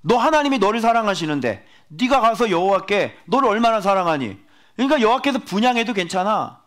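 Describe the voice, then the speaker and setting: A man voicing a soothing, flattering tempter spirit that coaxes a believer. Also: sits high, fairly quick. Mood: coaxing. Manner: coaxing, reassuring.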